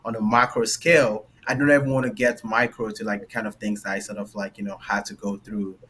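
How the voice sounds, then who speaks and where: This lowish, husky voice belongs to a Nigerian engineer and founder with a light accent, speaking briskly with a slightly bright tone and little pitch movement. Sitting on a panel, he tells a personal story in a loose, filler-heavy way, peppered with "like" and tagging lines with "right?".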